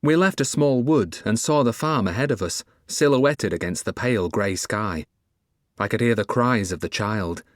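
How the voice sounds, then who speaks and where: A man narrating a dark fantasy audiobook in the first person, telling it expressively. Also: lowish voice, normal speed, no room sound, studio quality.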